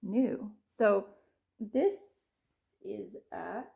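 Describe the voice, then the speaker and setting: A woman's voice: mid-range voice, drawn-out words, gravelly, mellow. A woman chats unhurriedly about her stitching projects, taking her time over every thought. She wanders off track, corrects herself and laughs at her own slips, her voice sometimes sinking to a near whisper. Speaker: cross-stitch vlogger. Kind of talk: casual show-and-tell.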